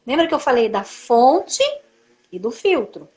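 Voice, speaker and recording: Woman, speech therapist, slightly high voice, didactic live-stream explainer who asks and then answers her own questions. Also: sing-song, unhurried, darkish tone. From Brazil. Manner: frequent tag "né".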